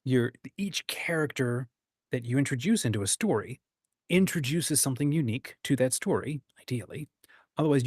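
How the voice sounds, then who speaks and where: Hosting a casual discussion about writing, this man explains his ideas and now and then acts out short quoted examples. His mid-range voice is a little mellow, captured at studio quality with no echo.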